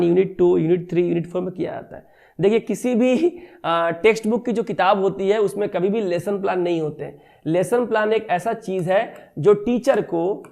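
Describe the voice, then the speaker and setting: High-voiced teacher explaining exam questions. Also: male voice, creaky, warm tone. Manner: reads English questions slowly, then explains in Hindi. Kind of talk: exam-prep MCQ lesson.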